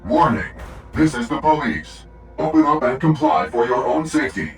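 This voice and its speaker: A man voicing a stern male police patrol robot, giving clipped commanding warnings through a loudspeaker megaphone in a game. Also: mid-range voice, animated, normal speed, soft background music. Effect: loudspeaker megaphone announcement. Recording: echoey, far from the mic.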